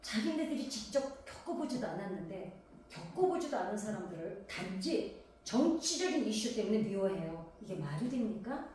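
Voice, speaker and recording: A woman's voice: medium pitch, big pitch swings, moderate pace, darkish tone, a little hiss or hum. Woman preacher from gangwon, chatty sermon, lots of questions at the crowd, big echoey hall, mic kinda far. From Gangwon Province, South Korea. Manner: conversational preaching full of rhetorical questions to the congregation.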